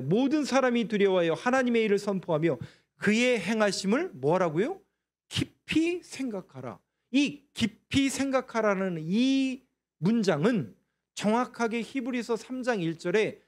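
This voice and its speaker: High-voiced male pastor, sermon delivery, rhetorical call-and-answer, leads responsive readings. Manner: asks the congregation questions and answers them himself; acts out prayers in a pleading voice. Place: church sanctuary.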